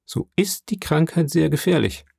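A man's voice: on the high side, normal speed, vocal fry, a little mellow, husky, no room sound, studio quality, voice pushed up, heavily acted. A man voicing a young, ambitious royal prosecutor who speaks formally and courteously. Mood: earnest.

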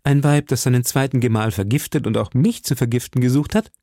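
A man voicing a proud, fearless young musketeer who speaks earnestly and forcefully. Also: mid-range voice, brisk, creaky, no room sound, clean studio sound, close to an everyday voice. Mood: defiant.

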